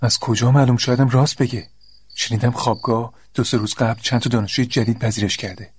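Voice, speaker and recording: A man's voice: mid-range voice, slightly rough, no echo, close to an everyday voice. An actor playing a level-headed young male student who keeps the others in line. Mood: urging. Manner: steady, commanding.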